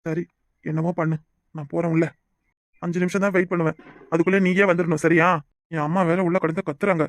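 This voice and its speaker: Cartoon: woman voicing a village husband, Kanyakumari Tamil accent, fast, blunt. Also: lowish voice, level tone, dry recording, lightly acted.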